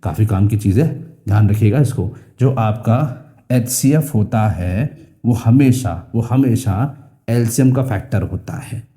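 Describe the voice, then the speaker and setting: Very dark-voiced man teaching math. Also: lowish voice, unhurried. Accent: Indian English. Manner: repeats key phrases, asks and answers own questions. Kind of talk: explaining a school math lesson.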